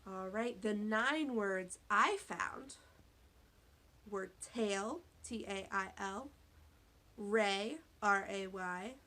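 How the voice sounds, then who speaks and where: An elementary school teacher leads a read-aloud phonics lesson for young children. She speaks deliberately in a mid-range voice with a sharp tone, spelling out words and asking questions.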